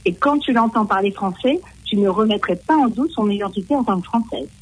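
Middle-aged woman from France, casual chat, husky tone, hesitant with lots of fillers. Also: medium pitch, fairly quick, dry recording, low-quality recording. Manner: chatty, hesitant, frequent fillers and restarts. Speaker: French woman living in New Zealand. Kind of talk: casual conversation.

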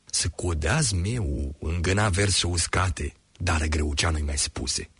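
A man narrating a fairy tale in a lively, expressive way. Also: deep voice, breathy edge, dry recording. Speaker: storyteller.

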